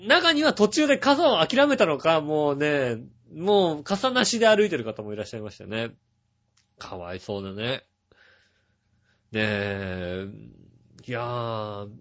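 A man's voice: a little high, sing-song, normal speed, fairly bright tone. A man hosting a talk show, telling a rambling everyday story in a casual chatty way, with many fillers and asides. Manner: chatty, full of filler words and asides, chuckling. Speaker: radio show host. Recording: dull lo-fi sound.

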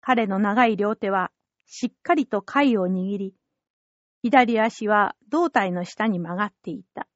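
Calm woman reading a story. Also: mid-range voice, unhurried, no room sound, lo-fi sound. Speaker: reader of a theater troupe's story podcast. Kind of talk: literary reading.

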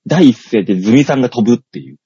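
A middle-aged man hosting a chat show, telling a comedy story in a casual, animated way and acting out the scenes. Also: mid-range voice, very fast, breathy edge, no room sound. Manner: animated, acts out scenes, laughs at his own story. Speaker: comedian and radio show host. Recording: dull, dry studio sound.

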